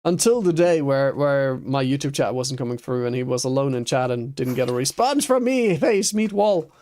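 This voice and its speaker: A man's voice: mid-range voice, lively intonation, normal speed, darkish tone. A man streaming a building game, thinking aloud and chatting with viewers, laughing easily. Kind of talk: casual chat while playing a building game.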